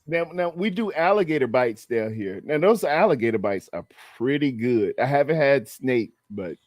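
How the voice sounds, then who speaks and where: A man's voice: medium pitch, animated, moderate pace, darkish tone, no echo, studio quality. A man telling laid-back stories in casual chat, using slang. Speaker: podcast panelist.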